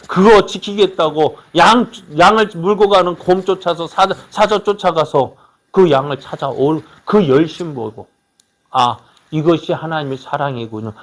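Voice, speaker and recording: A man's voice: high voice, moderate pace. Male pastor preaching with constant rhetorical questions. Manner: keeps asking the congregation rhetorical questions; swings between loud exclamations and quiet asides. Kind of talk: sermon.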